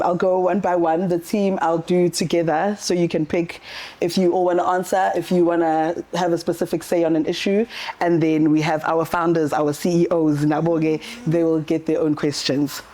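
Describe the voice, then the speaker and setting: A woman's voice: lowish voice, a little mellow. A South African woman co-hosting a podcast conversation, guiding it in an upbeat way. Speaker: podcast co-host.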